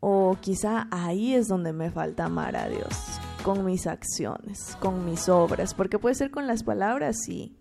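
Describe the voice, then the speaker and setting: A woman's voice: mid-range voice, unhurried, creaky, hardly any pauses, music in the background. A young adult woman hosting a morning radio program, giving a reflection on faith, asking her listeners questions and repeating words for emphasis. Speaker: radio host.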